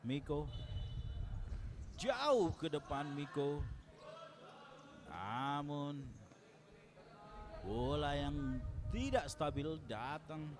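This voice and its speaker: A man's voice: on the high side, very animated, very slow, long pauses. A man with an Indonesian accent doing live play-by-play futsal commentary, playfully teasing the players by name.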